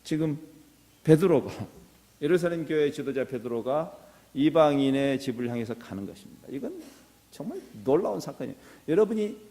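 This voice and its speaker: Here a middle-aged pastor with a slightly high, dark-toned voice preaches at a moderate pace, very animated throughout. He begins earnestly and rises to impassioned exhortation, and the church hall's reverb surrounds his words.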